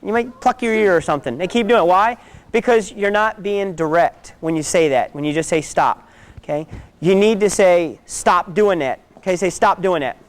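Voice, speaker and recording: A man's voice: high-pitched, a little fast, slight background noise. A man teaching a self-defense class, giving direct instructions and often checking in with "okay?".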